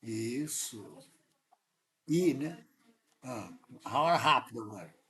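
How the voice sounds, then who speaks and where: A man's voice: mid-range voice, animated, takes it slowly, a bit bright. A man with a Brazilian Portuguese accent tutoring a student in math, insistent and correcting them often. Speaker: math teacher. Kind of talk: live tutoring lesson.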